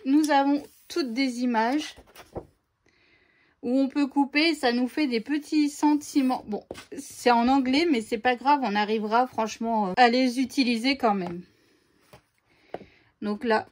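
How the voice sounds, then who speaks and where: A woman's voice: high-pitched, measured pace, a little hiss or hum. A woman casually presenting craft papers to her viewers in a chatty unboxing video, often hesitating with fillers as she talks. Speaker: scrapbooking vlogger showing craft papers.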